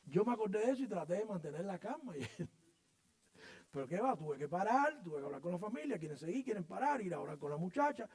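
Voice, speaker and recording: A middle-aged male pastor preaching a sermon in church, telling stories with lively energy and acting out voices and sounds. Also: high-pitched, fast talker. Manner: animated storytelling, acts out voices and sounds.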